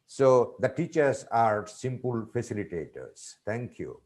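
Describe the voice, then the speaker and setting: Man, middle-aged, webinar speaker, measured, hesitant fillers, teacherly repetition, video call. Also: mid-range voice, very animated, darkish tone. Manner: teacherly, repeats points. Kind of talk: webinar answering questions.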